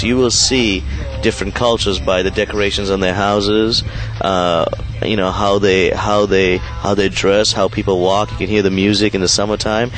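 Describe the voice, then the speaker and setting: Animated low-voiced man from Sri Lanka. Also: poor audio. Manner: animated, proud, rambling with fillers. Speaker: interviewee, local resident. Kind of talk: casual interview talk.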